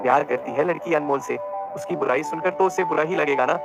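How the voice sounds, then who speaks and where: A man voicing a gentle, caring older mother who talks with soft affection. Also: a little high, quick pace, gravelly, over loud music, voice pushed down. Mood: tender.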